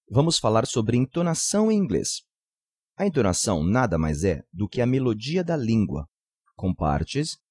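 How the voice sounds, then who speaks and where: Husky man teaching English intonation. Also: medium pitch, darkish tone. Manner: reads English example sentences slowly and clearly. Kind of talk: scripted podcast lesson.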